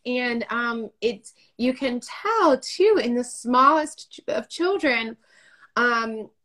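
A woman's voice: on the high side, expressive, takes it slowly, bright, forceful tone. A woman hosting an interview, chatty and playful, acting out little quotes, over a video call. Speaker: host. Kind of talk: casual interview chat.

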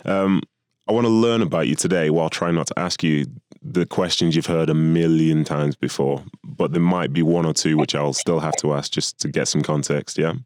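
A man's voice: extremely low pitch, fairly even intonation, moderate pace, darkish tone, dry recording, studio quality. A man hosting a podcast, upbeat and chatty, teasing his guest in a friendly way. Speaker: podcast host. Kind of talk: podcast interview.

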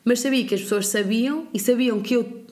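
A woman's voice: on the high side, a little mellow. A young woman with a European Portuguese accent, co-hosting a podcast in casual, reflective chat full of fillers. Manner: quick, reflective, full of fillers like "tipo" and "sim". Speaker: podcast co-host.

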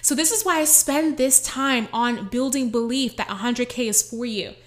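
A woman life coach giving a casual motivational talk, blunt and animated, with frequent swearing. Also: fairly high pitch, normal speed.

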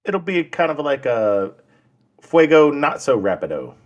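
A man co-hosting a casual podcast chat, talking in halting bursts with many restarts and ready laughter. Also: on the high side, big pitch swings, muffled recording. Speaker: podcast co-host.

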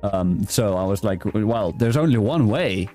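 A young man hosting a casual chat show, talking in a playful, halting way that often stops to correct himself. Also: lowish voice, lively intonation, dark tone, faint music behind. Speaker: podcast host. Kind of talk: casual chat, stumbling through a read-out outro.

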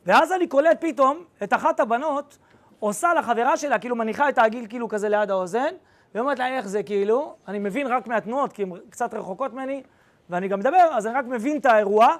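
A young rabbi with a slangy, lively storytelling manner, recounting an episode to a class of students. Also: male voice, very high-pitched.

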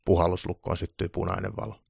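A man calmly narrating a scripted story in an even, deadpan reading voice. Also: low voice, vocal fry, husky, dry recording, clean studio sound.

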